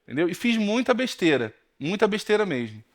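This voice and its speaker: A man in his thirties with a Brazilian Portuguese accent, preaching a sermon in a church and telling stories lively to the congregation, whom he calls brothers. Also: high voice, a little fast. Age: 30s. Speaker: pastor.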